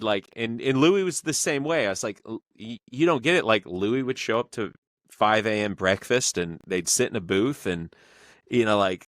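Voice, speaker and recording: A man hosting a podcast, telling stories in a halting way, full of fillers, in a casual conversation. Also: lowish voice, a bit bright, dry recording. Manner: halting, filler-heavy storytelling. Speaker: podcast host.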